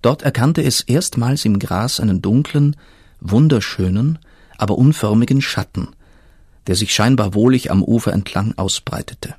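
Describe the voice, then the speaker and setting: Man, husky voice, measured fairy-tale narration, mid pitch, dry close sound. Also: darkish tone, no echo. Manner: slow, measured storytelling.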